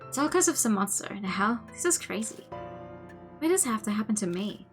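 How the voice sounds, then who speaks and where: A woman's voice: on the high side, big pitch swings, fairly quick, music in the background. A woman voicing a brash, cocky young male delinquent in a horror game, with slangy punk talk. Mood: rattled, complaining.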